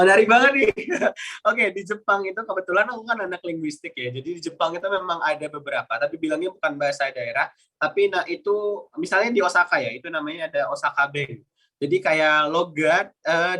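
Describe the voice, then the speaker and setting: A man's voice: on the high side, sharp tone, slightly rough. A man mentoring a Japanese language class, answering questions in a chatty way with many fillers and demonstrating Japanese intonation. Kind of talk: online class Q&A, casual explaining.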